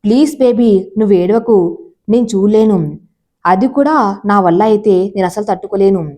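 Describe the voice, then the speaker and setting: A woman's voice: medium pitch, normal speed, mellow, natural voice. A pleading young lover, read by a woman. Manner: tender, pleading, emotional. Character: young man pleading his love to a woman. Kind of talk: storybook character reading.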